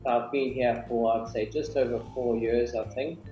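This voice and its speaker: A South African man in his thirties answers interview questions over a video call, relaxed and hesitant with many ums. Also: medium pitch, normal speed, faint music behind. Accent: South African English. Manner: relaxed, with frequent ums and uhs. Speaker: guest, business founder. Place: small home office indoors. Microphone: webcam on a video call. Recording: dull, roomy video call audio.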